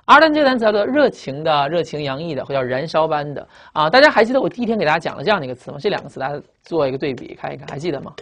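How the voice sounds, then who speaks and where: A man's voice: fairly high pitch, sing-song, rapid-fire, hardly any pauses, a bit bright. A man teaching English vocabulary in a lecture, repeating key words and asking rhetorical questions.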